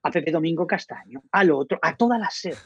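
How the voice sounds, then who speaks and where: A middle-aged man with a Spanish accent from Spain tells an anecdote in a husky, rough voice, his pitch swinging widely as he acts out each quoted line. The recording is dull and lo-fi, with a dry, close sound. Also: fairly quick, no room sound. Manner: animated storyteller acting out quoted dialogue. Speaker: radio journalist guest. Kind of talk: casual anecdote telling.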